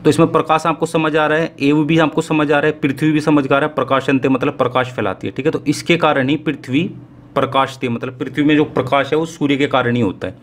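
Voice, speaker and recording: A man teaching an exam-prep lesson in a casual, friendly way, checking in often and slowing down to read passages aloud. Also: on the high side, little pitch movement. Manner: friendly, repeats "ठीक है" often, slows to read Sanskrit aloud.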